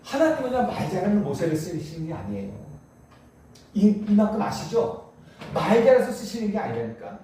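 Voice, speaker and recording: A man preaching a sermon as pastor, lively, with rhetorical questions to the congregation and chuckles as he speaks. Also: sits high, brisk, slight background noise. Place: church sanctuary. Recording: echoey church from far off.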